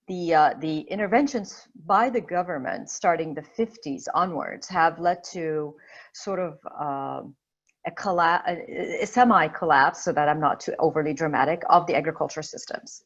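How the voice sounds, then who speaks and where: Speaking deeply through a video call with dull audio, this Egyptian woman takes part as a webinar panelist. Her thoughtful remarks are peppered with fillers and restarts.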